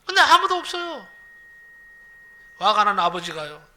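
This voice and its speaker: Male pastor, high voice, storytelling sermon, repeats key phrases. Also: moderate pace. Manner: lively, repeats phrases, asks the congregation questions.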